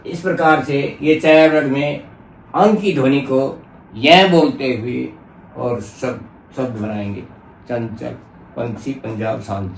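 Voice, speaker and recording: A man teaching a Hindi grammar lesson, speaking deliberately and repeating example words to show how they are pronounced. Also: mid-range voice. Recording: echoey room, distant mic, faint noise.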